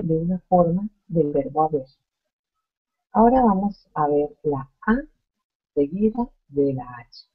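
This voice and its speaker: A woman teaching a grammar lesson at a slow, careful pace. Her voice is soft and breathy. The audio is dull and lo-fi. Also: lowish voice. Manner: slow, deliberate explaining with spoken examples. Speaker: Spanish teacher.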